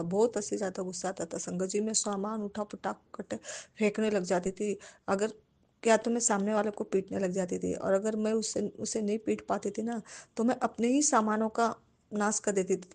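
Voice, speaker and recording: A woman's voice: mid-range voice, a little mellow. A woman sharing a devotional testimony, addressing the congregation respectfully in nearly every sentence.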